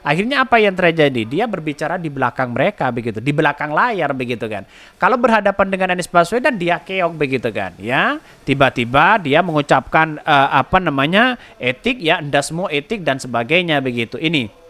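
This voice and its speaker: A man hosts a podcast, delivering a rambling political commentary monologue. His voice sits fairly high and swings in a lively, animated way. He leans on rhetorical questions and keeps tagging his sentences with the same filler words. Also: fairly quick. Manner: rambling, repeats filler tags like "begitu kan". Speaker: podcast host.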